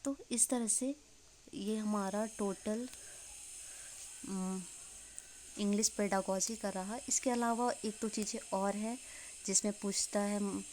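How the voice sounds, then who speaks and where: A woman's voice: mid-range voice, fairly even intonation, a little mellow, slight background noise. Woman teacher asking her own questions. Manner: asks and answers her own questions, slows to read English definitions; spells words out letter by letter. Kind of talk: exam revision lesson.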